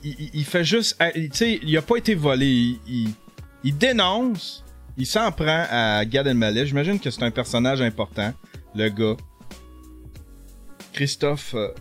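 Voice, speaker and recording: A middle-aged man with a Quebec French accent giving casual live commentary on a video as a streamer, jokey and animated, stumbling over his words. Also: medium pitch.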